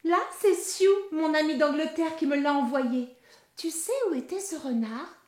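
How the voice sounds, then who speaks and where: A woman hosting a children's show, telling a story in a slow, sing-song way and speaking directly to a young child. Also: sits high, roomy sound.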